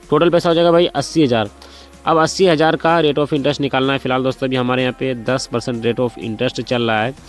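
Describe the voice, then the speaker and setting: A man in a casual vlog, walking viewers through loan arithmetic step by step, repeating figures and calling the audience friends. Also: mid-range voice. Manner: repetitive, walks through sums step by step, addresses viewers as brothers and friends; speaking slowly and deliberately by choice. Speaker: motorcycle finance explainer.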